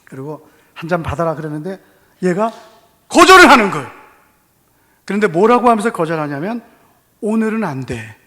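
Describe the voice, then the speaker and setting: Animated Gyeongsang preacher in a reverberant church. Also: male voice, high voice, moderate pace, long pauses. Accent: Gyeongsang Korean. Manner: animated storytelling, acting out dialogue. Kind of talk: testimony sermon. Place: church hall.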